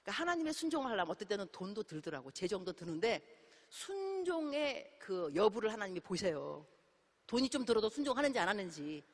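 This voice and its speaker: A middle-aged woman missionary preaching a sermon in a church, telling stories in an animated way and acting out the dialogue. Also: mid-range voice, fairly quick. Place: church sanctuary. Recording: long hall reverb.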